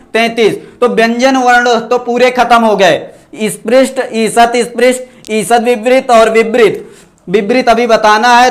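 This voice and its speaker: This is a Sanskrit instructor running an exam-prep class online, his voice very high as he says each letter of the sound system aloud. Questions are asked, followed by a pause and his own answer, and he stops at times to thank viewers who commented.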